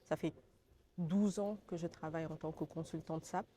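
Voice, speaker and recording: A woman's voice: low-pitched, steady tone, moderate pace, warm tone, slight background noise. A woman in her thirties from Senegal giving an interview testimonial, earnest and hesitant with many fillers.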